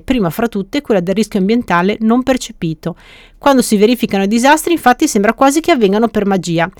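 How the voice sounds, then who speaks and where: A woman hosting a book podcast, presenting each book in a brisk, scripted, clearly articulated way. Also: medium pitch, darkish tone, no room sound, studio quality.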